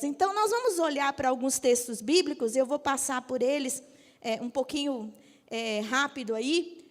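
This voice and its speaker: A woman in her fifties, a Methodist bishop, preaching directly and often asking the audience if they agree. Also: high voice. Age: 50s. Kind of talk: sermon. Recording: long hall reverb.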